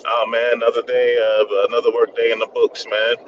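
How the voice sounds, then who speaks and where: A man's voice: mid-range voice, monotone, fairly quick. A man co-hosting a casual chat over a call line that keeps breaking up, talking in a laid-back way with lots of fillers. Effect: breaking up over a choppy call connection. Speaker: podcast co-host. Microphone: remote call. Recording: dull lo-fi call with loud noise.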